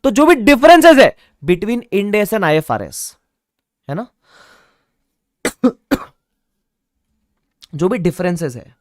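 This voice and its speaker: A man's voice: high voice, sing-song, slow, long pauses, dry recording. A man teaching an online class, repeating key points with playful asides. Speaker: online exam-prep teacher. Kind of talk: lively classroom lecture.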